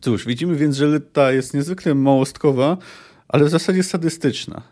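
A man's voice: on the high side, normal speed, warm tone. A man hosting a book podcast who summarizes and discusses a novel chapter, talking hesitantly with frequent filler sounds. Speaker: podcast host.

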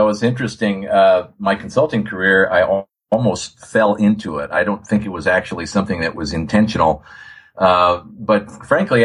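Low, husky man in his sixties. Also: fairly bright tone. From United States. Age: 60s. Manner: storytelling, with frequent "uh" and repeated words. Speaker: guest, consultant. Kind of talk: casual interview.

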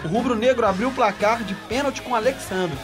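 A man's voice: very high-pitched, a little fast, over music. A man hosting a sports news round-up with casual banter. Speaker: sports show host.

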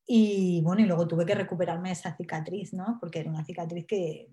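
A woman's voice: lowish voice, steady tone, warm tone. Nervous woman in an echoey room. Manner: halting, frequent tag questions and restarts. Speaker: interview guest. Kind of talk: personal storytelling.

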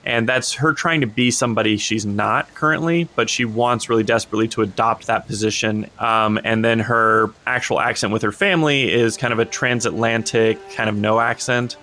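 Bright-voiced man, eager and rambling. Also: mid-range voice, fairly even intonation, moderate pace, few pauses. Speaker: podcast co-host and player. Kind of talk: casual podcast chat.

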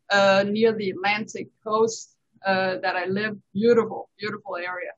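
A woman talks through her story as an interview guest, laughing often. Her voice is a bit husky and breathy, and the recording sounds muffled and lo-fi. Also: mid-range voice. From Denmark. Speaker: tax accountant guest. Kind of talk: casual interview chat. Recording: dull lo-fi recording.

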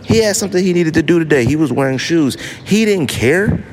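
Pitched on the high side, this American man sounds expressive and brisk as he hosts a laid-back solo podcast. He leans on slang and emphasis, repeating phrases for effect, over noticeable background noise.

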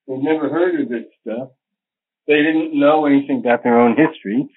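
A man's voice: mid-range voice, moderate pace, slightly rough. An older man, an astrologer, giving long scholarly answers in an interview, digressive and full of fillers. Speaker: astrologer guest. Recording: phone-line sound.

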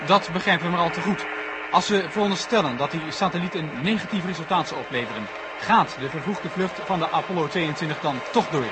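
A man's voice: a little high, loud music behind the voice, close to an everyday voice. A man voicing a television reporter covering a rocket launch. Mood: formal. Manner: formal, brisk reporting.

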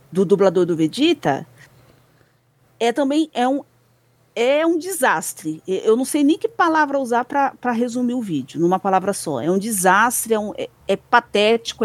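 A woman's voice: fairly high pitch, no room sound. Brazilian woman ranting on a podcast, emphatic, keeps restarting and repeating herself. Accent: Brazilian Portuguese. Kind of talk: casual podcast chat.

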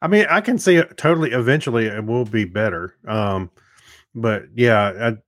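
A podcast co-host trades easy banter, rambling through his points, laughing often and restarting. His mid-range voice is a bit bright at a normal speed, and the recording is dry and close.

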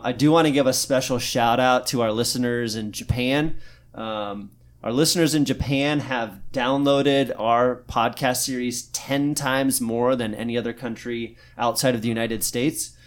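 A man's voice: medium pitch, steady tone, normal speed. A man from Arizona co-hosting a casual podcast, talking loosely with many fillers and restarts. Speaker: podcast co-host, physical therapist.

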